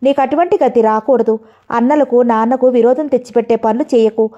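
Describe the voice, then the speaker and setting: A worried mother pleads with and warns her daughter in a storybook reading, as a woman narrator puts her on. The voice is mellow and on the high side. It is a warning, pleading voice. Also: a little fast, dull audio, close to an everyday voice. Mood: anxious, stern. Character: worried middle-aged mother, stern but tearful.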